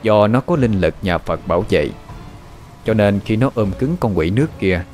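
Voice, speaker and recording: A man narrating a horror story in a dramatic, expressive style. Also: lowish voice. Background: faint background music.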